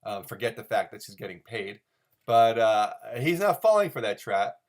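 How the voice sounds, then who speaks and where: In a lowish voice with big pitch swings and a moderate pace, the host of a comic-strip commentary show rambles through unscripted solo remarks. His take is mock-serious and overanalytical, and he repeats phrases to drive points home.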